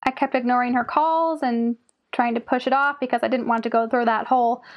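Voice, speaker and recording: Woman doing supportive young friend, high voice, plain direct talk. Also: steady tone, a little fast, lo-fi sound, lightly acted. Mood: consoling. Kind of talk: audio drama acting.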